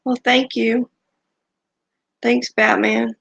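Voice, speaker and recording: A woman with a gravelly, just-woken-up creak talks to her stream viewers and thanks them by name, in a slightly high voice. The audio is dull and lo-fi, typical of a home livestream setup. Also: little pitch movement, very slow, a bit bright. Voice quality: creaky morning voice. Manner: chatty, thanks viewers one by one. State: just woke up, recovering from illness. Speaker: livestream host. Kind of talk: casual chat with viewers.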